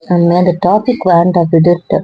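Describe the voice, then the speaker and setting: A woman's voice: fairly low pitch, steady tone, moderate pace, slightly rough, no echo, muffled recording. A young woman playing a hurt young girlfriend who questions and reproaches, in a web drama.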